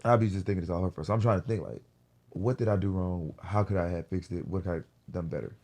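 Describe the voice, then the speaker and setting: A man's voice: low voice, fast talker, darkish tone. A young man hosting a podcast, telling a story in a casual, slangy way full of profanity. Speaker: podcast host.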